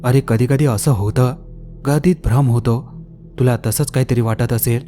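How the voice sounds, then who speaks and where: Brief: a man playing an easygoing, bold young friend, calm and teasing, mellow low tone. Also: moderate pace, faint music behind, lightly acted.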